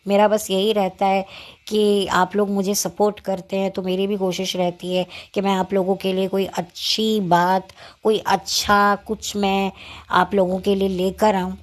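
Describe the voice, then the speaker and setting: A woman talking to her viewers, unscripted and chatty, slowing herself down on purpose. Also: medium pitch, darkish tone. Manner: slow, deliberate and chatty, speaking without notes. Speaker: YouTuber reviewing films. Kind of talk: unscripted talk to camera.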